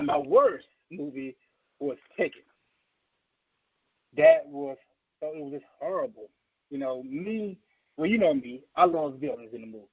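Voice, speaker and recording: A man in his thirties co-hosts a video game podcast, chatting casually and emphatically with enthusiastic opinions. His voice is fairly high and slightly rough, and the recording is slightly dull, dry and radio-like, with no echo.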